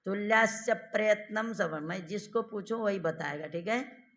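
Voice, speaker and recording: A man teaching Sanskrit grammar in a lecture, quizzing his listeners with questions and repeating each definition slowly. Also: sits high, fairly bright tone. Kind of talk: classroom lecture.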